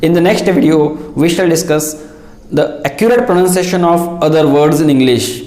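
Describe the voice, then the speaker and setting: A man teaching English pronunciation, speaking deliberately, spelling words letter by letter and repeating each one. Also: a little high, a little mellow, echoey room, rough recording. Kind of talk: pronunciation lesson.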